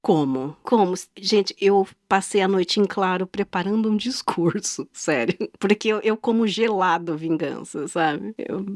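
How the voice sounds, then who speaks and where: Animated Brazilian woman telling a story. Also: medium pitch, measured pace, few pauses, no room sound, studio quality. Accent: Brazilian Portuguese. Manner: animated, acts out quoted dialogue, laughs often. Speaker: podcast co-host. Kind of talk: casual storytelling chat.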